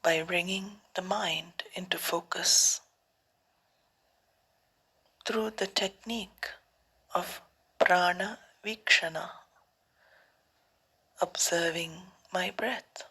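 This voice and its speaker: Speaking softly, often close to a whisper, a woman leads a guided meditation as a teacher. Her lowish, slightly rough voice delivers calm, deliberate short phrases with long pauses, captured on a low-quality recording.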